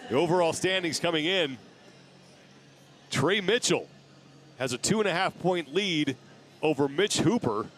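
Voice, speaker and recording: A man giving live play-by-play commentary who calls the action and rises to shouts on big lifts. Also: a little high, animated, unhurried, long pauses.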